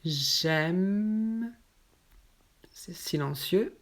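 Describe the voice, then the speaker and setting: A woman teaching French pronunciation, explaining each example word patiently and saying it slowly and carefully. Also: lowish voice, expressive. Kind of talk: slow explanatory lesson.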